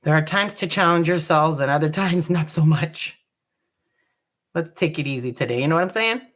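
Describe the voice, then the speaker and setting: A woman hosting a live dot painting tutorial, chatty and relaxed, joking about her own nerves. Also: sits low, moderate pace. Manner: chatty, relaxed, self-deprecating. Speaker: craft tutorial host.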